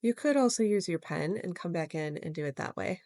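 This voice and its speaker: A woman narrating her watercolor painting step by step in a gentle, explanatory way, as host of a real-time art tutorial. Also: on the low side, animated, fairly quick, no echo, clean studio sound.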